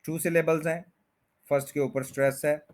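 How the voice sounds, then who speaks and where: A man teaching English pronunciation in Hindi, repeating words slowly to show their stress. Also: on the high side, flat delivery, darkish tone. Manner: slow, drawn-out repetition of words with stress. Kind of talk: pronunciation lesson explained in Hindi.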